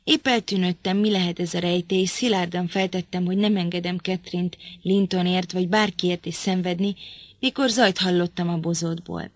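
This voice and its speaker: A woman narrating a classic novel as an audiobook, with measured, even storytelling. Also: lowish voice, no room sound.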